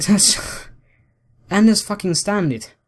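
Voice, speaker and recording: A man's voice: sits high, animated, slow. A man hosting a commentary video, ranting in a heated, profane and rambling way.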